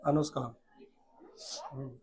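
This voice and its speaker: A male teacher in a classroom, dictating English lines slowly and urging the students to repeat them. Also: crowd noise, low-quality recording. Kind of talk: classroom English lesson with Hindi explanation. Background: class of children.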